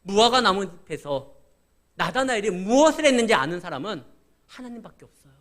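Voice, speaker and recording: A man preaching a Sunday sermon and speaking the biblical characters' lines himself. His voice sits high and bright. It swings widely in pitch as he tells the story. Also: sing-song, brisk. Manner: acts out biblical dialogue in quoted voices, conversational preaching. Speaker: pastor.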